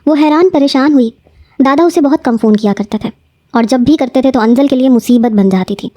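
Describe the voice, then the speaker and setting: A woman narrating a romance novel in a steady, measured reading voice. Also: high voice, no room sound.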